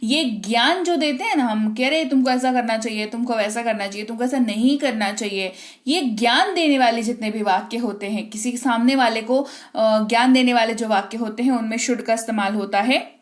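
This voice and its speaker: A woman with an Indian accent teaching grammar, explaining patiently and slowing down to say example sentences. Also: a little high. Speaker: English teacher.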